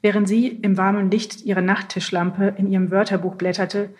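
A woman reads first-person literary prose aloud at a calm, measured pace. Her pitch sits in a middle range and barely moves, which gives the narration a steady, even, almost flat feel. It sounds like a scripted audiobook reading.

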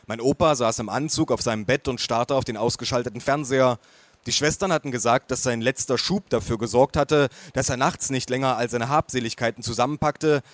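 A male audiobook narrator reading in the first person, calm and measured with a wry touch. His voice is of middle pitch, recorded on a close mic in a dry, dead space. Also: no room sound. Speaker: audiobook reader.

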